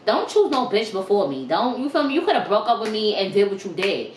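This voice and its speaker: A young woman telling a storytime vlog, animated, emphatic and full of profanity. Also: mid-range voice, fairly quick. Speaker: vlogger. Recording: roomy with faint noise.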